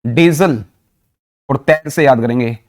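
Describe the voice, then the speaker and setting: A man's voice: medium pitch, slow pace. A man with an Indian accent teaching English vocabulary through memory tricks, mixing Hindi and English and answering his own questions. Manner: mixes Hindi with English phrases. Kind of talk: online vocabulary lesson with mnemonics.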